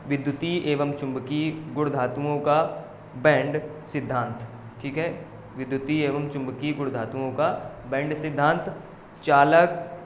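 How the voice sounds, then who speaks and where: Man listing topics in an echoey room. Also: on the high side. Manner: steady listing with frequent "theek hai" check-ins. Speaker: coaching teacher. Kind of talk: reading out a syllabus list. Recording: echoey room with faint noise.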